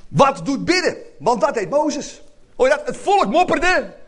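A man preaching a lively sermon, calling out to the congregation for amens. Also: very high voice, measured pace. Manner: animated, calls out to congregation for amens.

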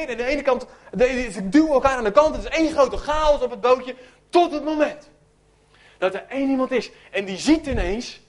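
A man preaching a sermon, telling a story with great animation and acting out its voices, sometimes dropping to a hush. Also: very high-pitched. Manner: animated storytelling, acts out voices, drops to near whisper.

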